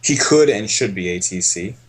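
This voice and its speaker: A man coaching poker on a casual stream, thinking aloud in a relaxed way as he explains each hand. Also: fairly low pitch, normal speed, breathy edge.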